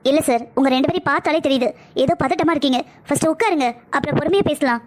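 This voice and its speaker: A woman voicing a busy female doctor in a cartoon, talking in a brisk, commanding but reassuring way. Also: sits high, close to an everyday voice. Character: calm, firm female doctor, a busy pediatrician. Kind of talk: cartoon voice acting.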